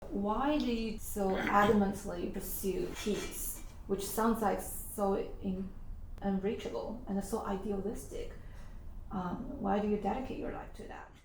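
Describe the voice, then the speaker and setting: A woman interviewer asking earnest questions slowly. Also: medium pitch, fairly even intonation, vocal fry, slight background noise. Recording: echoey, from far off the mic.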